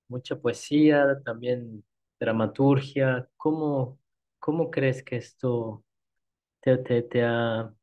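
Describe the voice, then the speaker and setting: Hesitant interviewer, halting questions. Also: medium pitch, darkish tone. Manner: hesitant, repeats words while asking questions. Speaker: interviewer, host. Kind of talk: casual conversational interview.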